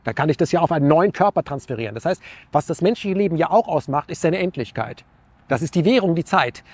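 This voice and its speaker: High-voiced man musing earnestly. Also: lively intonation, fast, slightly rough, dry recording. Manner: earnest, musing, rhetorical questions, many restarts. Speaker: interview guest. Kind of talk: reflective philosophical talk.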